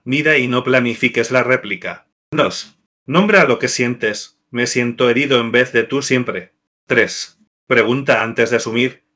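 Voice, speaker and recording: A man narrates a scripted devotional lesson with a bright, forceful tone. His reading is measured and orderly. His voice rises or drops sharply each time he announces a numbered point. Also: medium pitch.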